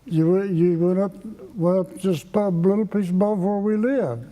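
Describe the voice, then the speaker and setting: An elderly man from Kentucky with an Appalachian accent, casually reminiscing in a folksy, halting way as he repeats phrases. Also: high-pitched, dark tone. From Kentucky, United States. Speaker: interviewee recalling childhood. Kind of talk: casual oral-history reminiscence. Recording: echoey reverberant room.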